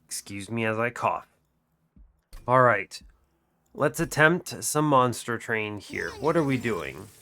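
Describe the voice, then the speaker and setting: Sick and a bit nasal, a young man on a gaming channel narrates a card game, rambling and self-correcting. His medium-pitched voice is expressive, muted yet pushed and bright, with a slow pace and long pauses, captured by a desk microphone.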